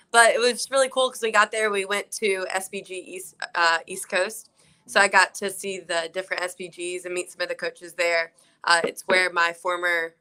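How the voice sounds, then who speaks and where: A woman's voice: medium pitch, pushed and bright, smooth. A young woman from South Carolina, a fighter, chatting upbeat and casual as an interview guest over a video call.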